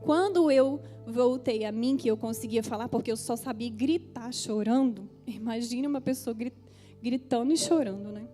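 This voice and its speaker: A woman's voice: on the high side, moderate pace, dark tone, faint music behind. A woman pastor with a Brazilian Portuguese accent preaching a testimony sermon, talking straight to the congregation with feeling. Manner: emotional storytelling, addresses the congregation directly.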